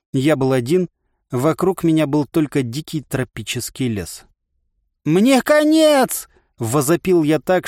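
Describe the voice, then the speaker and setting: A man reads a first-person audiobook with a dry, sardonic wit. His voice sits a little high for a man. The recording is close and dry, with no room sound. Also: a little mellow, dry recording. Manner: wry, sardonic storytelling. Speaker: audiobook narrator.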